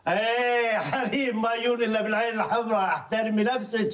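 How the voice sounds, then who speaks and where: Brief: a bossy husband in a TV sketch, stern, fairly high voice, heard from far off the mic. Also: male voice, fast, fairly bright tone. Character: domineering husband scolding his wife.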